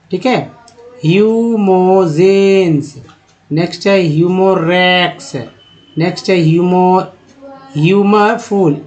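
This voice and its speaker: A man teaching English reading, slowly sounding out words and spellings one by one for his students. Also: high voice. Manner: slow, drawn-out word-by-word pronunciation drills. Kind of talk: spelling and pronunciation lesson. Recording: dull lo-fi audio.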